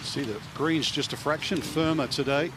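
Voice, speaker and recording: A man's voice: a little high, fairly even intonation, normal speed, crowd noise. A man commentating live on golf as an analyst.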